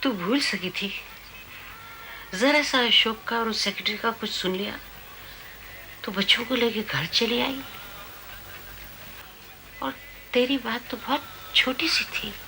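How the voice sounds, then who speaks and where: A firm sixty-year-old mother. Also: a little high. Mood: bitter. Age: 60s. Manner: slow, measured, quietly determined delivery. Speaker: mother leaving her husband. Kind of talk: 1990s television drama acting. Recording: hissy old TV archive recording.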